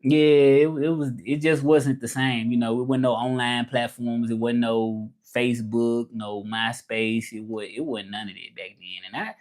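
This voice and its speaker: Here a Southern-accented man from the southern United States hosts a casual livestream in a mid-range, slightly mellow voice. As a language content creator, he talks colloquially, often repeats his phrases, and alternates between English and French.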